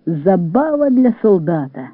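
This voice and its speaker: A man reading the part of a brisk, cheerful senior partisan who talks a bit dismissively, heard over a tinny radio recording. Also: sits high, sing-song, dry recording, heavily acted.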